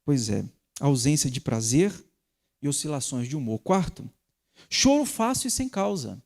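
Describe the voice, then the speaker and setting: Male pastor, sermon, very lively pitch swings, emphatic peaks. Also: normal speed, creaky. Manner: animated preaching with sharp emphatic rises. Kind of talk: sermon teaching.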